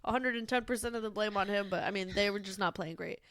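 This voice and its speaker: A woman's voice: mid-range voice, fast talker, fairly bright tone. A woman co-hosting a football podcast in loose, rambling chat, full of fillers and casual swearing. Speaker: podcast co-host.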